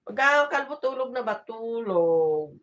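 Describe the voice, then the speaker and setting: A woman's voice: a little high, animated, unhurried, fairly bright tone, far from the mic, muffled recording. A Bicolano woman from the Philippines chatting casually and talking to herself on a late-night phone livestream, laughing easily. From Bicol region, Philippines. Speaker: livestream vlogger.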